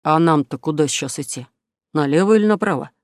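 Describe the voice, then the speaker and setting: A woman's voice: low voice, lively intonation, quick pace, no echo, studio quality. A woman voicing a bumbling, easily confused father in a children's audiobook. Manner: puzzled and plain.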